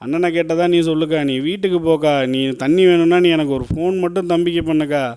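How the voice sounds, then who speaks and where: A man's voice: a little high, steady tone, fast, darkish tone, clean tone, close to an everyday voice. A man voicing a fawning water lorry driver who defers to a powerful woman, in a doll play. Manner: soothing, deferential.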